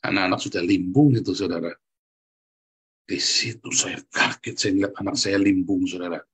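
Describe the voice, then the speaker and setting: Middle-aged male preacher, husky timbre, emphatic pulpit delivery. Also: low voice, fairly even intonation, normal speed, a bit bright. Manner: emphatic, keeps addressing the congregation as "Saudara". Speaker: pastor. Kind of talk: sermon.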